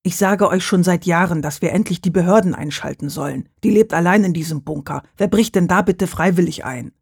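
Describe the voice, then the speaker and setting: Reader doing a crude male village cop, gruff, blunt, husky, dry. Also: medium pitch, a little fast, darkish tone, no echo. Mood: scornful. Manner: blunt, coarse grumbling.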